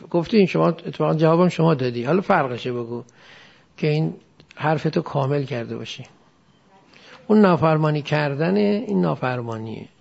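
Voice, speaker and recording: A man with a high, gravelly voice lectures a class. He explains grammar point by point and keeps stopping to quiz his students. The recording sounds dull and muffled. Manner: explains step by step, asks students questions. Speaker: religious studies teacher.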